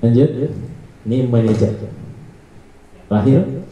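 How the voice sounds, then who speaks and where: Male teacher, lesson presenter, reads out numbered lists; dark tone, very roomy echo. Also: medium pitch, slow pace, dull audio. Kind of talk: presenting a training module. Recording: echoey room.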